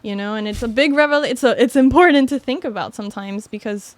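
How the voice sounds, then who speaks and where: A woman's voice: fairly high pitch, fast talker, no echo. A woman in her twenties, a podcast guest chatting casually and reflectively, with lots of filler words. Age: 20s. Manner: rambling, reflective, many filler likes. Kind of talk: casual chat.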